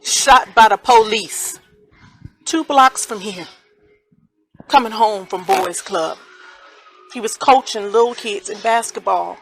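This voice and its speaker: A woman's voice: medium pitch, takes it slowly, long pauses, soft background music, rough recording. A woman playing a grieving, furious mother. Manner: colloquial, swinging between hushed grief and angry outbursts. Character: grieving mother, raw with sorrow and rage. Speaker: mother of a son shot by police. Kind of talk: stage play acting.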